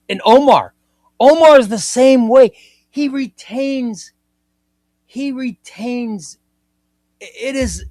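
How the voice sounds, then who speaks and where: A man's voice: sits high, a little mellow, no room sound, studio quality. A man in his fifties hosting a comic book livestream, chatting casually and with enthusiasm, often repeating himself. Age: 50s. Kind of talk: casual livestream chat reading viewer comments.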